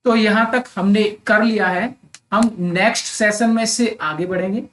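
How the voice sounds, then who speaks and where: A man's voice: high-pitched, fairly bright tone. Man explaining a chapter summary to students. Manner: reads English summary lines slowly, then explains them in Hindi; frequent tag questions to the listener. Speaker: English literature teacher for exam prep. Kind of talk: explaining a novel chapter summary, lecture-style.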